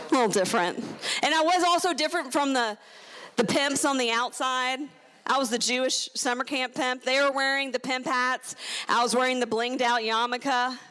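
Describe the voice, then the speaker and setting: Woman, thirties, stand-up comic, slightly high voice, deadpan, self-deprecating, stage mic. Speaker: stand-up comedian and show host. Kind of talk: stand-up comedy set. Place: comedy stage with live audience.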